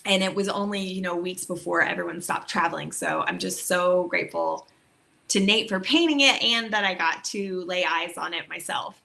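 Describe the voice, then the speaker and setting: A woman's voice: on the low side, normal speed, gravelly, pushed and bright. A woman from Texas, an author, chatting casually and rambling a little about her book on a video stream, with lots of ums and likes. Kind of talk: casual online book talk.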